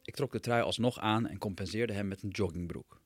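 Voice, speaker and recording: A man's voice: fairly low pitch, brisk. A man, a writer, reading aloud his own humorous personal essay with dry, wry storytelling.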